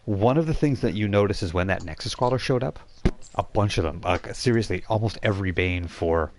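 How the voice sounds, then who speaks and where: Deep-voiced and informal, a man leads a tabletop game, improvising the narration. His delivery is halting and explanatory, with frequent stops to rephrase, clarify, and correct himself.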